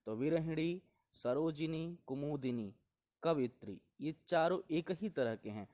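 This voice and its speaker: Hindi teacher drilling word spellings. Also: male voice, on the high side, mellow. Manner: repeats words slowly and reminds students to pay attention. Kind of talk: exam-prep spelling lesson.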